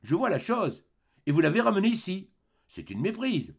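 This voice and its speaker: An elderly bishop speaks in a lifted, gravelly voice, as a male reader puts him on. He is kindly, serene and forgiving, and his tone rises and falls a lot as he offers gentle words in a storybook reading. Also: sits high, wildly swooping pitch, moderate pace, voice pushed up, heavily acted. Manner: warm, solemn, forgiving.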